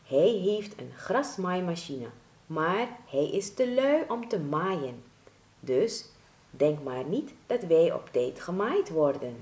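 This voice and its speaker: A wise old grass blade with a plume leads his family in a deep, hushed whisper. A woman reads him, slow and unhurried, and the room gives a soft echo. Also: big pitch swings. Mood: explaining. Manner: whispering, lowered voice. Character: bossy wise male grass blade leader. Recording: roomy echo.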